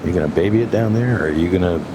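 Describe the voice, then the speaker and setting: On-course golf commentator: man, low register, live analysis, very noisy outdoor sound. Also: very fast.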